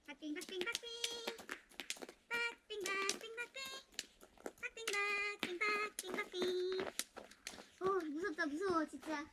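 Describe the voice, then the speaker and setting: A woman's voice: extremely high pitch, very noisy. A woman on a casual outdoor vlog, nervously muttering to herself. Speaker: solo backpacking vlogger. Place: outdoors on a frozen stream.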